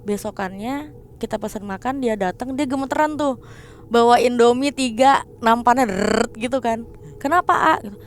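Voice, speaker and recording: A young woman talking as a guest in a casual chat, telling her story in a lively way and acting out the people she quotes in changed voices, mixing slang with English words. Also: on the high side, normal speed, a little hiss or hum. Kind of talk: casual storytelling of a ghost experience.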